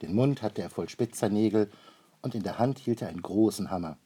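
A man narrating a children's storybook aloud in a calm, expressive way. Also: lowish voice, a little fast, slightly rough.

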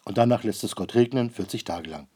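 A man voicing a gruff, distracted old ark builder in a read-aloud storybook, speaking loudly and impatiently. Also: on the low side, a little fast.

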